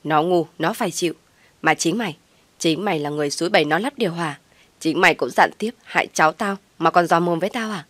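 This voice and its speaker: A woman's voice: on the low side, fast talker, no room sound, natural voice. A woman voicing a spiteful older mother-in-law who scolds abusively, read in a storybook narration. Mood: scolding.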